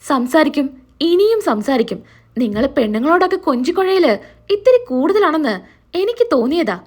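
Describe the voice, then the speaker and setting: A woman's voice: high-pitched, very animated, normal speed. A woman reading as a sarcastic spiteful young wife. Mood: taunting. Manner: sarcastic, taunting. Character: sharp-tongued young wife, taunting and spiteful.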